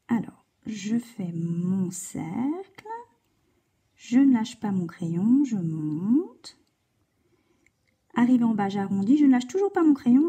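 A woman's voice: on the high side, warm tone, husky. A woman teaching a handwriting lesson to a child, guiding patiently step by step. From France. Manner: slow, patient step-by-step guidance, addressing a child.

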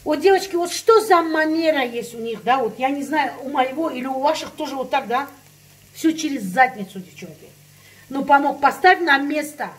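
Speaking at a normal pace in a high-pitched voice, this woman is a vlogger of Russian-speaking origin based in Spain. She vents emphatically to her audience in an informal chat, saying things again for effect.

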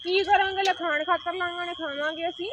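Lady doing a brash village neighbour, bright squeaky voice, bit of noise. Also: steady tone, a little fast. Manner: brash, dismissive. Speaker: well-off neighbour in a family sketch. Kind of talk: improvised village drama.

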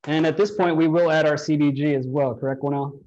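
Captured by a far-off camera in dull lo-fi livestream audio, a man in his thirties teaches a live cooking demo in a large indoor home-style kitchen, explaining every step. His fairly high, a little mellow voice moves at a quick pace with fairly even intonation.

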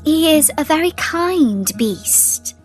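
A woman reading a storybook aloud, voicing a kind young heroine who speaks softly and earnestly. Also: sits high, expressive, takes it slowly, soft background music, voice pushed up. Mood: earnest, gentle. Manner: soft, earnest and reassuring.

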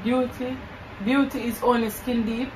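Slow-talking young woman, noisy room. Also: on the high side, steady tone, darkish tone. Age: young adult. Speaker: challenge player guessing phrases. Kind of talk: casual game chat, repeating guesses. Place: small living room, indoors. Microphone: camera a few feet away. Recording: noisy room, distant camera mic.

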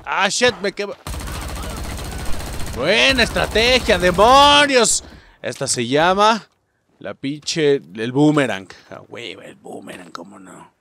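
A man with a Mexican accent commenting on a game he is playing, cursing constantly and shouting at enemies. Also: medium pitch, slight background noise. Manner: profane, excitable, shouts at enemies. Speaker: gaming channel host. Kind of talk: let's play commentary.

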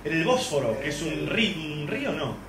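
Argentine male comic, lively high voice, stand-up on a handheld mic in an echoey club with loud crowd noise. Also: normal speed. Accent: Argentine Spanish. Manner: brash, crowd work, swears freely. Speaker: stand-up comedian. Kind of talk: live stand-up comedy. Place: comedy club stage.

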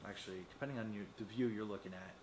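This product reviewer, a man in his fifties, talks very fast in a fairly low, steady, slightly mellow voice. He's seated at a desk in a small indoor studio with metal walls, demonstrating casually without a script, rambling a bit and thinking aloud. Faint noise and echo come through the room.

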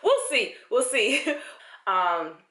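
A woman's voice: on the high side, big pitch swings, extremely slow, pushed and bright, reverberant. A young woman talking casually to camera in her home kitchen, chatting loosely with lots of fillers. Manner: chatty, rambling, with many fillers. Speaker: fitness vlogger. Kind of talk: casual vlog chat. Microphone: camera held close.

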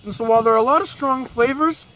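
High-voiced man talking while chewing. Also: sharp tone, a little hiss or hum. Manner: laid-back, rambling, drawn-out phrasing. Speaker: food reviewer. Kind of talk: casual food review.

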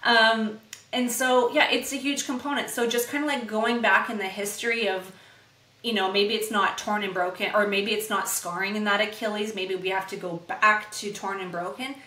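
A woman in her forties, a guest telling animated stories in an interview and acting out the dialogue. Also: mid-range voice, normal speed, reverberant, poor audio. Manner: animated, acts out quoted dialogue. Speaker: guest, microcurrent practitioner. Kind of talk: conversational interview storytelling.

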